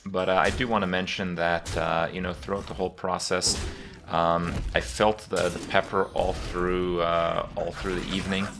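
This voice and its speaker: A man hosting a gaming video, giving casual commentary looking back, rambling and halting with pauses and repeats. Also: deep voice, flat delivery, background noise.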